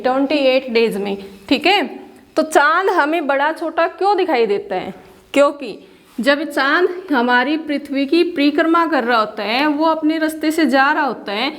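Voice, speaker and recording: A woman teaching a school class, explaining patiently, asking questions and answering them herself, and mixing English words into her Hindi. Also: high voice. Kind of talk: classroom lesson.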